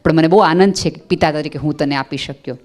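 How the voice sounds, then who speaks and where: A woman's voice: sits low, quick pace, a little mellow. A woman from Gujarat giving a motivational speech on parenting, telling stories expressively and repeating phrases for emphasis. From Gujarat, India. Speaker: motivational speaker.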